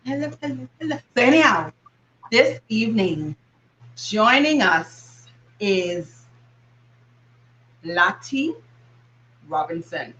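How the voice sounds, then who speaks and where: A woman's voice: medium pitch, big pitch swings, slow, long pauses, a bit bright, lo-fi sound. A Bahamian woman hosting a live stream, effusive and chatty, calling her audience darlings. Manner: exuberant, effusive, calls the audience darlings and y'all. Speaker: host.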